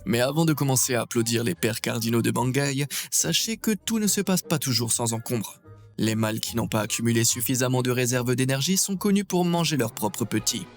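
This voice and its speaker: A man with a medium-pitched voice delivers scripted nature documentary narration. His manner is wry and playful. Soft music plays underneath his voice. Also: animated, fairly quick.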